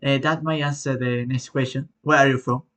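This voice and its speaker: A man from Spain with a Spanish accent, answering viewer questions in a casual, halting way with many fillers and self-corrections. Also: medium pitch, steady tone, a bit bright. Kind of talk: casual Q&A vlog.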